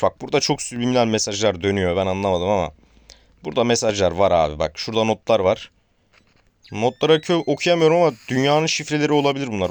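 A man talks his viewers through a horror game, chatty and quick to joke as he reacts. His voice is smooth and clear at a middle pitch. It is recorded close on the mic with a dry sound. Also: no echo. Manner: chatty, joking, addresses viewers as friends; shouts and pleads at a game character. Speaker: gaming YouTuber.

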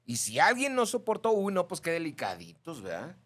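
A man with a Mexican Spanish accent, hosting a radio show and chatting casually while reading listener messages, gossipy and animated. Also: on the high side, moderate pace, breathy edge. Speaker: radio host.

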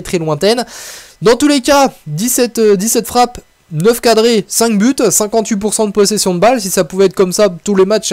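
Man, high-pitched voice, casual gameplay commentary, chatty, excitable, gaming video host. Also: no echo. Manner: chatty, excitable, thinking aloud.

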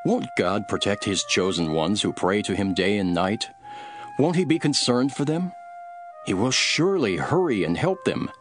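Man acting low, expressive Jesus teaching solemnly. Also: soft background music, natural voice. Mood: solemn storytelling. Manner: solemn, measured storytelling. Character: Jesus, solemn male teacher telling parables. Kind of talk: dramatised scripture reading.

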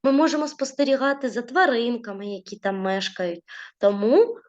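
A woman in a lesson for young children, talking softly and patiently with lots of diminutives and frequent "right?" check-ins. Her voice has an ordinary pitch for a woman, and the recording sounds slightly muffled and dull. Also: animated, normal speed. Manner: gentle, uses diminutives, frequent checking "так?". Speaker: primary school teacher. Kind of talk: classroom lesson narration.

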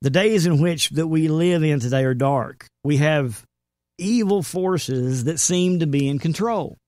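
A man's voice: on the high side, unhurried, darkish tone, dry recording, clean studio sound. A man hosting a faith show, preaching earnestly and quoting scripture. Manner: earnest, emphatic, quotes scripture. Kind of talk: sermon-style commentary.

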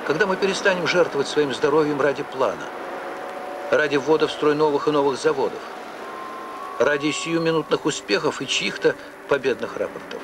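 A man reading a scripted voice-over for an old archive newsreel, in a measured manner that builds into rhetorical, accusing questions. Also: fairly high pitch, noisy background. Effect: old newsreel narration played from an archive film. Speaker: newsreel narrator. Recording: narration over loud music.

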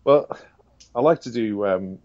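Guest, man, fairly low chatty voice, muffled lo-fi sound. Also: measured pace, darkish tone, dry recording. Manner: chatty, laughs often, stammers restarts. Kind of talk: casual interview chat.

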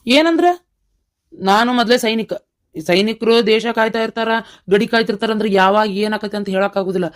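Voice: medium pitch, brisk, close to an everyday voice. A performer voicing a stubborn young villager set on becoming a soldier, with a North Karnataka accent, in a cartoon. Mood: earnest. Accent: North Karnataka Kannada. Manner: earnest, stubborn. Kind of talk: cartoon voice acting.

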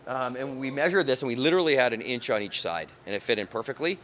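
Relaxed bar owner man, handheld mic. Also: mid-range voice, fast talker. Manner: relaxed, lots of fillers like "you know" and "um". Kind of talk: casual on-site interview. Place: outdoors on a street, then inside a large bar and bowling hall. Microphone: handheld reporter mic.

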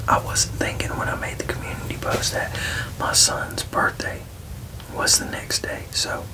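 A person whispering a casual ASMR ramble, halting and frank, with folksy turns of phrase. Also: distant mic, rough recording. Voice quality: unvoiced, breathy whisper with creaky edges. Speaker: ASMR video creator.

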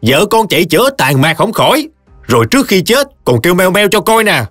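A man doing a shrill, cursing old village woman. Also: very animated, brisk, exaggerated voice. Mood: screaming curses. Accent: Mekong Delta Vietnamese. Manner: screeching curses, cursing in long rants. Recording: dry close studio voice, soft music behind.

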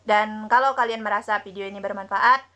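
A woman's voice: mid-range voice, fairly even intonation, brisk, sharp tone, a little hiss or hum. A young woman hosting her own vlog, chatty, asking her mother questions and talking straight to her viewers. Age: young adult. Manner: chatty, asks questions and addresses viewers directly. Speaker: vlogger host. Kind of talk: casual vlog chat.

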